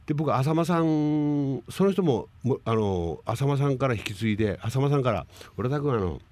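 A man's voice: mid-range voice, lively intonation, moderate pace, a little mellow. A man in his late fifties with a Hakata accent, hosting a radio show and telling a rambling anecdote in casual dialect. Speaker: radio host.

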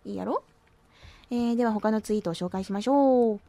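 Her mellow voice is on the high side and brisk as she hosts a radio show. The woman chats casually and reads listener posts with a slight lilt, being playful and self-mocking and putting on silly voices.

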